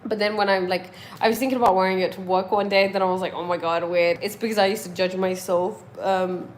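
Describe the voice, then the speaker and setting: A woman's voice: medium pitch, steady tone, fast, low-quality recording. Young woman born in india rambling to her viewers, lots of um and like, faint hum behind her. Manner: rambling, with many fillers and restarts. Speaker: vlogger. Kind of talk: casual chat to viewers.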